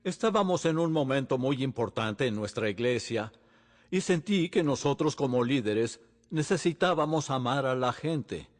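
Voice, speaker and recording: A man's voice: medium pitch, big-room sound. A male pastor preaching earnestly, often asking the congregation rhetorical questions. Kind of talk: sermon. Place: church sanctuary.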